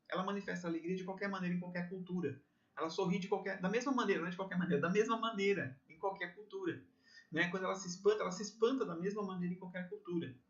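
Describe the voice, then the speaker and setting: A man with a Brazilian Portuguese accent giving an informal exam-prep lecture, chatty and animated, tagging his sentences with little checks like "right?". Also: high voice, rapid-fire. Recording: muffled, lo-fi recording.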